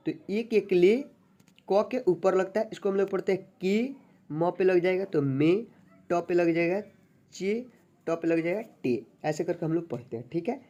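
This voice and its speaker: A patient teacher in an online lesson, stretching out each syllable slowly and repeating examples. The voice sits at a middle pitch and keeps asking if the friends watching understand. The delivery stays steady and instructive. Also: lo-fi sound. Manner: patient, repetitive, checks understanding often; sounds out syllables slowly and drawn out. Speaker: Hindi teacher.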